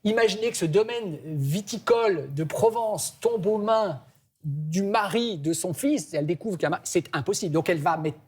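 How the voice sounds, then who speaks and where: A woman hosting a morning television talk show, interviewing a guest in a chatty, lively way. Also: medium pitch, moderate pace, husky.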